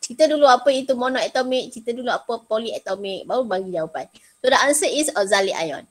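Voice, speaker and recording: Speaking fast and expressively in a highish voice, a middle-aged Malaysian Malay-accented woman runs a casual online chemistry lesson indoors via video call. She's talkative, repeats herself, and blends in English terminology.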